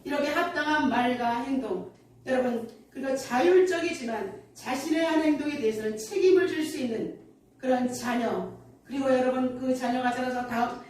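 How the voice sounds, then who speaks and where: A woman's voice: sits high, normal speed, darkish tone. A woman pastor preaching a sermon earnestly and telling a story, recorded in a church sanctuary from a distance. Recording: echoey church hall from afar.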